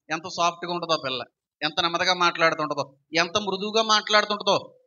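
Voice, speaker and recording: A man's voice: high-pitched, sharp tone, muffled recording. A male pastor preaching a sermon, pressing his point with repeated rhetorical questions.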